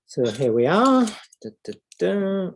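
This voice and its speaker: A man's voice: high voice, very animated, takes it slowly, vocal fry, slight background noise. A man with a British accent gives an unscripted, hands-on repair demonstration, explaining as he goes and thinking aloud. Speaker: clock repair instructor and livestream host.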